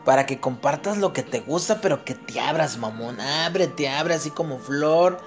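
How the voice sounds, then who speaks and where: A man, hosting a podcast and telling an anecdote in a slangy, animated way. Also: normal speed, music in the background. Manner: slangy, animated, shifts into high squeals when quoting others. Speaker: podcast host. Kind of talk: casual storytelling chat.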